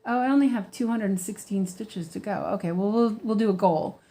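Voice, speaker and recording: An American weaving teacher from the United States chats casually while she stitches, her mid-range voice brisk and mellow. It's a relaxed stitch-along conversation full of ums, restarts and easy laughter.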